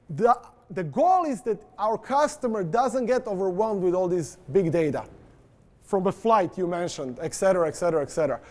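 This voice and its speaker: High-voiced man giving a conference talk. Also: a little mellow. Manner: informal, joking, addresses audience directly. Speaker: industry presenter. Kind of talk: conference presentation. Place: event presentation.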